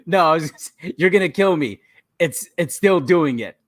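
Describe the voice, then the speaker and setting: A man's voice: a little high, lively intonation, normal speed, no echo, clean studio sound. A man co-hosting a casual podcast over a remote call, joking and laughing often, with some swearing. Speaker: podcast co-host.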